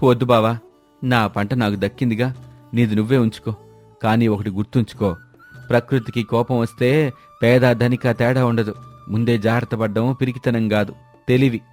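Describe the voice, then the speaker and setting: A man voicing a cautious, kind-hearted village farmer who speaks in a steady, earnest way. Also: mid-range voice, moderate pace, long pauses, soft background music, close to an everyday voice. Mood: kindly. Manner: steady, earnest, shouts commands when urgent.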